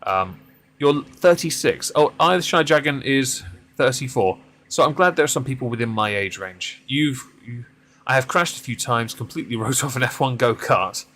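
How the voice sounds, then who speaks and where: Animated and a bit bright, a man in his mid-thirties with a deep voice speaks at a moderate pace. He chats casually with his audience during a driving game stream, rambling and self-deprecating.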